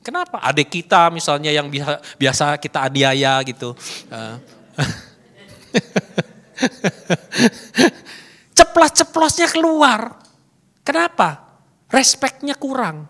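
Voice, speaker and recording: A man's voice: fairly high pitch, animated, slow pace, pauses often, fairly bright tone. A middle-aged male pastor preaching a sermon, asking the congregation questions and slipping English words into his talk. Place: church hall. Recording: echoey church hall.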